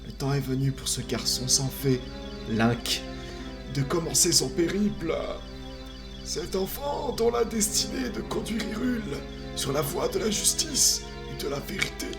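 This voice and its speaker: A man's voice: fairly high pitch, lively intonation, measured pace, over loud music, voice pushed up. A man voicing an ancient, solemn tree guardian of the forest from a video game, declaiming in a strained elderly voice. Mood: solemn, urging. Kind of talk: improvised video game dubbing.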